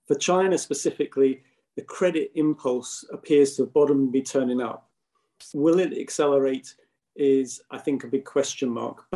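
A man giving measured expert commentary as a podcast guest, hesitating through long, winding sentences. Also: mid-range voice, warm tone.

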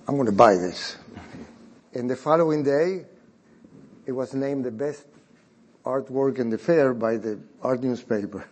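A man from Argentina, an art collector telling a story on a panel, often pausing with "uh" and restarting phrases. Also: mid-range voice, a little mellow. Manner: hesitant, restarting phrases with frequent "uh". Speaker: private art collector, guest.

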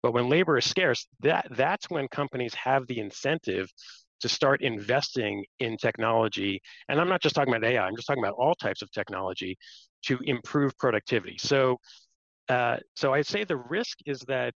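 A man's voice: medium pitch, animated, normal speed, fairly bright tone. A man giving unscripted, explanatory market commentary as an investment strategist on a panel. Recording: roomy, slightly muffled livestream audio.

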